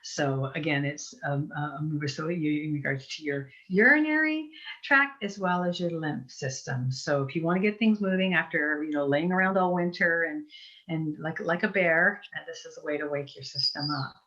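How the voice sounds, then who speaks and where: A woman's voice: sits low, moderate pace, a bit bright. A woman from Eastern Europe giving an informal, chatty talk as a guest herbalist, often restarting her sentences. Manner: chatty, digressive, many restarts. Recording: muffled online call audio.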